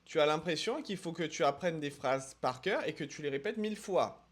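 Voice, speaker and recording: A man's voice: fairly high pitch, expressive. A man from France teaching English in a casual video lesson, emphatic, repeating words for stress and talking straight to the viewer. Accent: French accent when speaking English. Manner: addresses viewer directly with quick asides.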